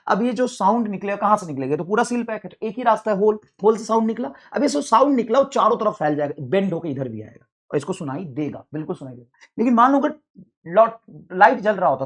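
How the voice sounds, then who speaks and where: A man teaches a physics class, his pitch swinging widely as he explains. He builds the idea step by step and drags out key English phrases slowly so students can write them down. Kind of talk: classroom lecture with student questions.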